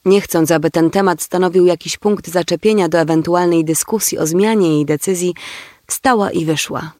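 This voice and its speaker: A man narrating a novel in a steady storytelling manner. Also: high voice, moderate pace, no room sound, studio quality. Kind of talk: audiobook narration.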